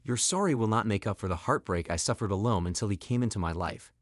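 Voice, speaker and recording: A man's voice: fairly low pitch, expressive, fast talker, no echo, studio quality. A male narrator voicing a blunt, wronged single father who speaks firmly. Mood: stern, hurt. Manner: blunt, firm.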